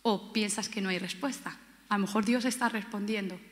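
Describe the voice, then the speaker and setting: A woman's voice: medium pitch, steady tone, brisk. A woman from Spain preaching a sermon with passion, repeating key words and acting out quoted voices. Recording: long hall reverb.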